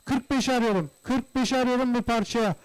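Guy auctioneer calling bids, really high clear voice, repeats the prices, super polite. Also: quick pace, low-quality recording. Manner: formal, courteous address to guests. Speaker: livestock auctioneer.

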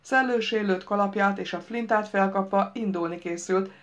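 A woman narrating a humorous audiobook in a lively, wry storytelling manner. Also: medium pitch. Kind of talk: scripted narration.

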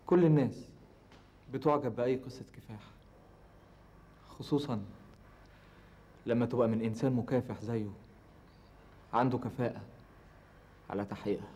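A man's voice: mid-range voice, normal speed, pauses often, dark tone, lightly acted. An actor playing an Egyptian engineer torn between his mother and a woman he once loved, pleading and sometimes exasperated, with an Egyptian accent. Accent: Egyptian Arabic. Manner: pleading, rising to exasperated outbursts. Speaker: actor in TV drama. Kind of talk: Egyptian TV drama acting. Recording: roomy, dull TV drama sound.

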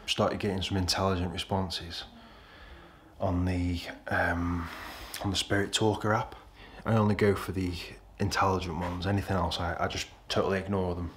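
Guy whispering low at 3am in an old house, kinda deep voice, soft background hiss. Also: flat delivery, moderate pace. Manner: quiet, low-key, often near a whisper. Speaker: paranormal investigator. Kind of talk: hushed night-time vlog narration.

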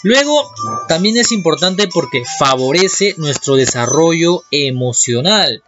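A man teaching an online primary school class, lively and asking the children questions. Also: a little high, measured pace. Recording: dull lo-fi with music behind.

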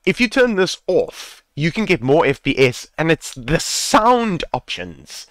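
A man's voice: a little high, sing-song, unhurried, no echo. A man casually talking viewers through game settings in a screen-recorded tutorial, repeating advice and swearing now and then while speaking into a headset mic. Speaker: gaming tutorial creator.

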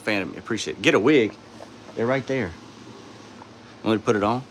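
A man with a sore throat hosting a casual live stream, answering chat in a tired, low-key way from his home studio on a phone. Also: fairly quick, slight background noise. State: sore throat, speaking softly.

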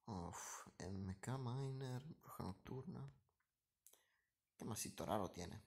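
A man's voice: medium pitch, slow, darkish tone. A man giving live commentary over his own gameplay, muttering asides and repeating short phrases as the action swings. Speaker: gaming streamer.

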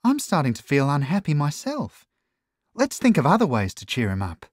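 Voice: medium pitch, huge pitch swings, moderate pace, dry recording, studio quality. A reader voicing a concerned female dog crew member in a children's storybook, speaking earnestly. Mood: weary. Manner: worried, earnest.

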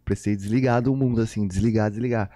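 A man's voice: fairly low pitch, fairly even intonation, fast, dark tone, dry recording, clean studio sound. A young man from Brazil, a podcast guest telling a long story in casual, slangy talk full of repeated phrases.

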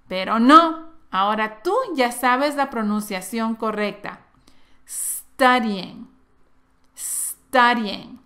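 Lady teacher going over english sentences really slow, high voice, says everything twice. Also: bright, forceful tone. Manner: drills words slowly and repeats each phrase twice. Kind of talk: slow, clear bilingual English lesson.

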